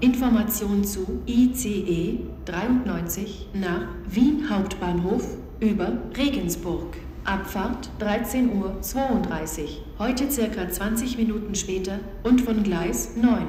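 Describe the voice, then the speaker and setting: Automated platform announcements are read from a script by a woman whose accent is standard German and whose voice sits in the mid range. The train station loudspeaker gives an echo, station noise comes through clearly, and her delivery stays segmented, measured and neutral.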